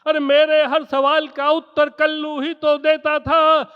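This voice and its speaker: A man's voice: extremely high pitch, monotone, measured pace, big-room sound, highs cut off. A man reciting rhythmic comic poetry in breathless run-on lines, emphatic and theatrical, as a stage poet addressing listeners.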